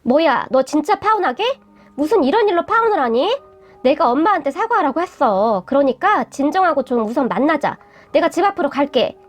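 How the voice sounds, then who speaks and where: A woman's voice: high voice, big pitch swings, fairly quick, faint music behind. A woman voicing a blunt, defensive young adult boyfriend who talks curtly and dismissively. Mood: pleading. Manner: curt, irritable, dismissive.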